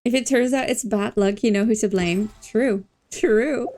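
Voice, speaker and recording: Here a woman streams a game and talks casually with her audience, playfully repeating and drawing out words. She sounds a little high-pitched but dark in tone, and she takes her time.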